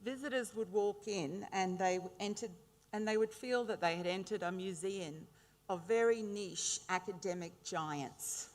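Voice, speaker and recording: This is a graduation ceremony speaker, a middle-aged Australian woman whose voice sits at a medium pitch. The formal speech mixes warm, humorous anecdotes with measured delivery, recorded amid the reverberation of a large indoor hall.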